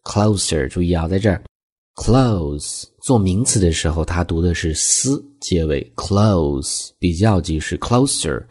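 A man teaching English phrases in a scripted lesson. He reads the English examples slowly and at a higher pitch, and explains quickly in Chinese. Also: animated, a little mellow, slightly rough.

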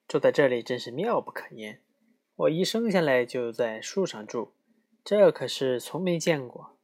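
A man reading aloud, voicing a chirpy, pushy little male bird who chatters excitedly. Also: medium pitch, normal speed, close to an everyday voice.

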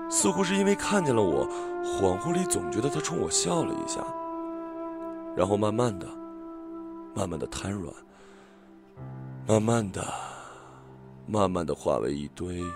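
A man narrating a story in a slow, expressive audiobook reading. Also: on the low side, gravelly.

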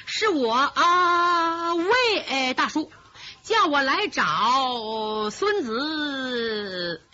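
一位女说书人压低嗓子演绎的一个油嘴滑舌的年轻侠客，时而故意结结巴巴，时而伶牙俐齿，声音略闷，像老录音。坏水儿十足，评书腔调。. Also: female voice, high-pitched, big pitch swings, moderate pace, heavily acted. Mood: fake stammering. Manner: stammering, sharp-tongued. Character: sly young male hero, cocky, fakes a stammer. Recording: lo-fi muffled recording.

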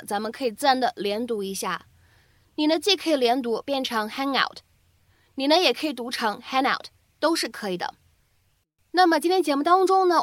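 A woman teacher giving a scripted spoken-English lesson, explaining pronunciation tips clearly and reading English phrases slowly as models. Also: high voice, fairly bright tone, no room sound, studio quality. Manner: clear, measured explanations with filler particles.

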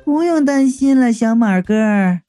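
A reader voicing a sly, calm young woman who talks softly and knowingly in an audiobook story. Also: medium pitch, moderate pace, soft background music, voice pushed up, close to an everyday voice. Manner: soft, hushed and knowing. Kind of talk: audiobook character voice.

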